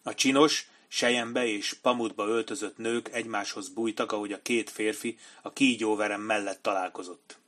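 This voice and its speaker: A man reading an adventure novel aloud in a measured, dramatic narration style. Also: on the low side, steady tone, fairly bright tone. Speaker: audiobook narrator. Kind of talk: scripted narration.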